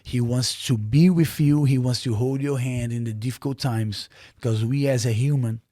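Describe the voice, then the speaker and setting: This podcast guest from Brazil speaks Portuguese natively and has a Brazilian Portuguese accent, chatting earnestly in a casual interview with frequent fillers and false starts. His voice sits in the mid range, dark and steady, at a moderate pace. The studio-quality recording has no echo.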